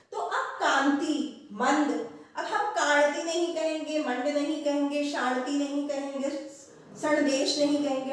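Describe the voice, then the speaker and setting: A woman with a high voice teaches grammar at an unhurried pace, saying each example word over and over. She sounds set back from the microphone in a strongly echoing room. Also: distant mic. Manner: patient, repeats each word slowly several times. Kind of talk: explanatory teaching to camera.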